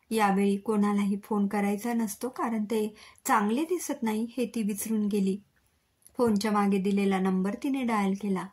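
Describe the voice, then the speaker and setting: A woman's voice: medium pitch, a little mellow, breathy edge. A woman narrating an emotional story, reading it dramatically and acting out the dialogue.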